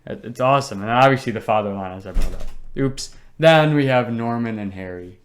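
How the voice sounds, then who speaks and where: A man's voice: medium pitch, brisk. A young man co-hosting a casual podcast chat, enthusiastic and slangy, teasing his co-host.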